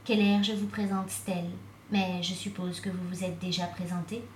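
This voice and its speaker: A woman reading the lines of a gentle young woman in an audiobook, speaking softly, in an echoey room. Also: fairly low pitch, little pitch movement, moderate pace, distant mic, slight background noise, close to an everyday voice. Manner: gentle and soft.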